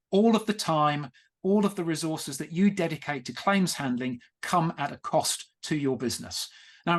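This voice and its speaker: Man, webinar presenter, measured, explanatory, slightly high voice. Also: breathy edge. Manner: measured, explanatory, addresses listeners directly. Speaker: insurance broker relations director presenting a webinar.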